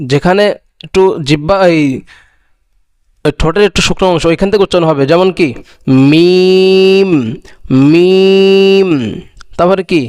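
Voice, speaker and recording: Male Quran teacher, high voice, unhurried drilling, dry close recording. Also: dry recording. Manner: drills each letter twice, stretching the sound, then asks and answers his own questions. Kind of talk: slow recitation lesson on Arabic letter sounds.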